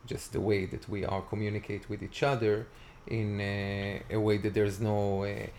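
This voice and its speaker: A man in his forties with an Israeli accent, talking as a guest in a casual interview and often pausing to search for words. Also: on the low side, little pitch movement, a little mellow, a little hiss or hum. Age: 40s. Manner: halting, searching for words with many fillers.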